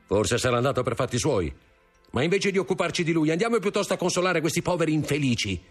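A man's voice: a little high, very animated, quick pace, slightly rough, faint music behind, voice pushed up. A man voicing a scheming, envious male ship's clerk in a raised voice, as in an audiobook. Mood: scornful. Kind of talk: audiobook character voice.

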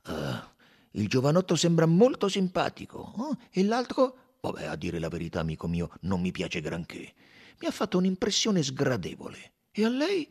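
A brisk, jovial middle-aged railway director, as a male reader puts him on, emphatic and quick to exclaim. The voice is gravelly and husky and moves a lot. It is an audiobook reading. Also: mid-range voice, wildly swooping pitch, darkish tone, exaggerated voice. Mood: chatty.

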